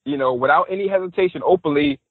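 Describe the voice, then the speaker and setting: A man's voice: high-pitched, fast, vocal fry, breathy edge, no echo, phone-quality sound. A man from New York City, a podcast guest, telling stories in a casual interview and acting out what others said. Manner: animated, acts out quotes of others. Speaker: podcast guest, style coach.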